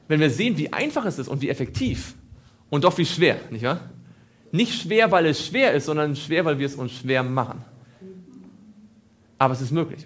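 Man preaching a sermon, slightly high voice. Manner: asks the audience questions, repeats phrases for emphasis.

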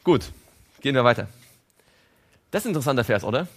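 Animated man preaching a sermon. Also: mid-range voice, quick pace. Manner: animated, asks audience questions.

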